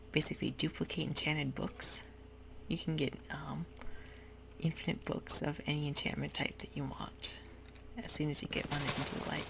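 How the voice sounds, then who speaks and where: A gameplay ASMR host whispers close to the mic in a soft, mostly breathy mid-range voice that turns gravelly with vocal fry when it becomes voiced. The relaxed game tour meanders hesitantly, full of pauses and fillers, over a steady hiss and computer keyboard clicks.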